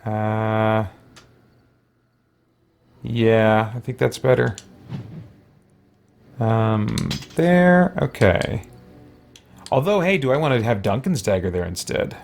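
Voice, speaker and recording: Hosting a role-play game playthrough, this man speaks slowly in a lowish, creaky voice with a darkish tone, pausing often. Faint music plays behind his casual commentary as he thinks aloud, mutters and lets out mild exclamations.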